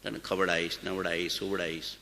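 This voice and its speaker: A man giving a devotional sermon, repeating phrases in a chanting rhythm and swinging between emphatic high lines and soft low ones. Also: level tone, brisk, vocal fry. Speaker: spiritual discourse speaker. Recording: long hall reverb.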